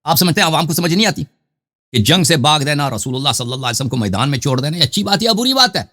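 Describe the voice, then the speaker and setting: Animated, bright-voiced male debate host. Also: a little high. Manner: insistent, pressing questions, cuts in. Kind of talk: heated live debate.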